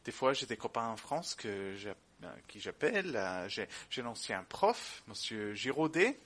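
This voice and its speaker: A man, a native English speaker with an English-speaking accent in French, chatting casually and reminiscing, often halting as he searches for words. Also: on the low side, very animated, a bit bright. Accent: foreign, English-speaking.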